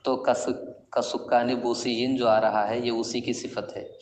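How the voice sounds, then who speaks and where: A man's voice: mid-range voice, little pitch movement, a little mellow, a little hiss or hum. A man teaching classical Arabic poetry in Urdu to a class, explaining each verse step by step and quizzing his students with questions. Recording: echoey classroom with long reverb.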